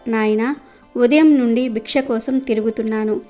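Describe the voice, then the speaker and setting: A woman's voice: on the high side, fairly even intonation, normal speed, dark tone, soft background music, close to an everyday voice. A woman voicing a hungry old male wandering holy man, pleading humbly in a storybook reading.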